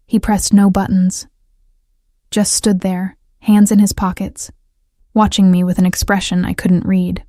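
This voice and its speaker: A woman narrating a first-person romance story in a measured, steady audiobook reading. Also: mid-range voice, no echo, clean studio sound.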